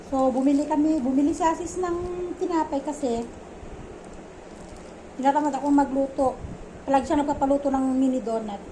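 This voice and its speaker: Casting: young Filipino mom, high bright voice, chatty home vlogger, noisy phone recording. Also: female voice, brisk, long pauses. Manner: chatty, talks to her baby and viewers. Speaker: vlogger and mother. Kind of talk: casual home vlog chat. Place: home, with a baby nearby.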